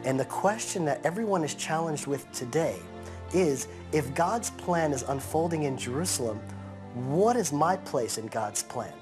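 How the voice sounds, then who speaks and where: An American-raised man in his thirties sits on a living-room couch for an interview, speaking earnestly and slowing down to stress his points. His voice is fairly high-pitched and expressive, with music playing under it.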